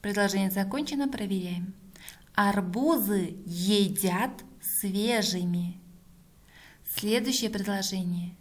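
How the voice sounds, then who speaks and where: A woman teacher dictating a school dictation slowly, word by word, with deliberate enunciation. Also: medium pitch.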